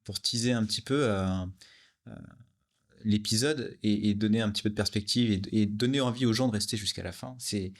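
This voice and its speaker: A man's voice: lowish voice, steady tone, brisk. A man hosting a casual interview, asking questions hesitantly with many repeated words. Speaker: podcast host.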